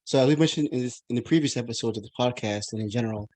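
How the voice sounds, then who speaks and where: A man's voice: mid-range voice, racing, dark tone. An American man in his thirties hosting a podcast interview, talking casually and rambling with many restarts and fillers. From United States. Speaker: podcast host.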